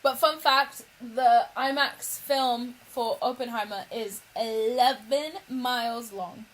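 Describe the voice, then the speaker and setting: A woman's voice: a little high, fairly even intonation, slow pace, a bit bright, low-quality recording. A young woman co-hosting a podcast, playful and giggly in casual chat. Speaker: podcast co-host. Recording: faint background noise.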